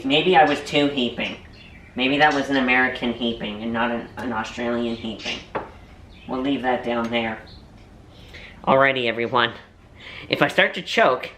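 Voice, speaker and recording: Chatty young man with a bright, roomy sound. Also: medium pitch, a little hiss or hum. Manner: chatty and rambling, with playful self-mocking jokes. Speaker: vlogger and voiceover artist. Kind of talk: casual food-tasting vlog chat. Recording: roomy echo.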